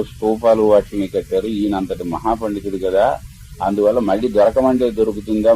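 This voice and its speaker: A man giving a religious discourse as a swami, retelling a scripture story with lively voicing of quoted speakers and some stammered restarts. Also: fairly low pitch, slight background noise, rough recording.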